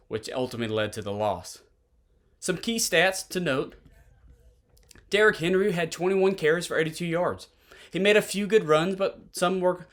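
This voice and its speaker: A man with a Tennessee accent hosting a solo sports podcast, giving conversational football analysis and posing pointed rhetorical questions. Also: a little high.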